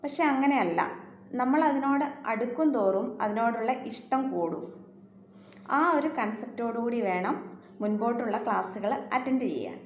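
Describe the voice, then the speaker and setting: A woman teacher with a Malayalam accent gives a recorded lecture, switching to slow, careful English for each definition. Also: a little high. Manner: slow, deliberate reading of English definitions between Malayalam explanation. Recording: echoey room, faint background hiss.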